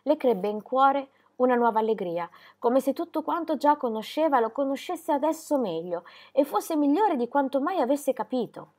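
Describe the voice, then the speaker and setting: A woman narrating a classic children's story aloud in an expressive storytelling manner. Her voice sits a little high and moves in lively, wide pitch swings as she reads. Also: moderate pace, few pauses. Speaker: reader. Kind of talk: audiobook narration.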